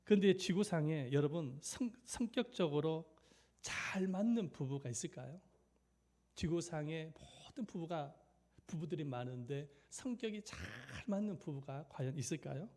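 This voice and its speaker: A man's voice: a little high, animated, moderate pace, a little mellow. A male pastor preaching a sermon, telling stories and asking the congregation rhetorical questions.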